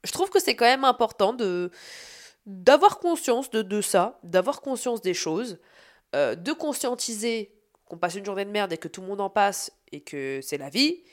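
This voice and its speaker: A woman hosting her own podcast, telling a story about her day in a casual, animated and self-mocking way, swearing freely. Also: medium pitch. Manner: shifts between fast asides and slow, dragged-out emphasis. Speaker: podcast host.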